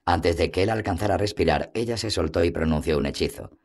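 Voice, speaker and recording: A man narrates a fantasy novel aloud in an audiobook reading. His delivery is steady and measured, and his voice sits very low. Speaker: audiobook reader. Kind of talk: scripted narration.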